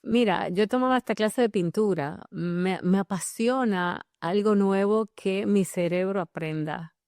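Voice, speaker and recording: A Dominican woman of middle pitch talks with warm enthusiasm as an interview guest. Her Dominican accent is clear, and she restarts phrases now and then as her thoughts race ahead. The sound is close and dry, with no room around it. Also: measured pace, no echo. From Dominican Republic. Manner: animated and enthusiastic, with fillers and restarts. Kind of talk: casual interview conversation.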